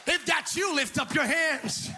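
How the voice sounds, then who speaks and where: A male pastor preaching a sermon, shouting in a sing-song call-and-response style. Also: very high voice, unhurried, background noise.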